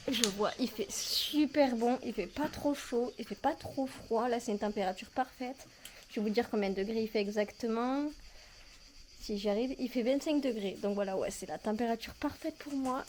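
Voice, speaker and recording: A woman's voice: a little high, mellow. A young woman from the Perpignan area with a southern French accent, chatting casually to her viewers as she goes about chores on her terrace. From southern France, Perpignan area. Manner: chatty, self-mocking, talks to the viewers while doing chores. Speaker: vlogger. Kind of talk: casual chat. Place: outdoors on a home terrace.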